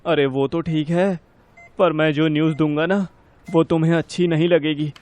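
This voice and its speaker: A man playing a calm young caller. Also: fairly high pitch, normal speed, a little hiss or hum, close to an everyday voice.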